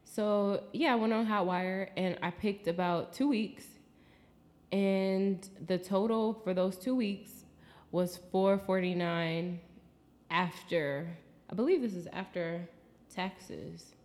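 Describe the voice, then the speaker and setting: An American woman chatting casually in a travel vlog, expressive and swearing freely, acting out her own quotes. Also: medium pitch, slow pace. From United States. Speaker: vlogger.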